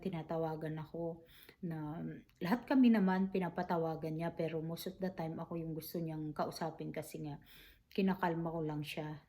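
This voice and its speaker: A middle-aged woman recalling caring for her late mother, speaking softly and haltingly, mixing in English phrases. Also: low-pitched. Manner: soft, halting, with many fillers; mixes Tagalog with English phrases. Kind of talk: personal storytelling vlog.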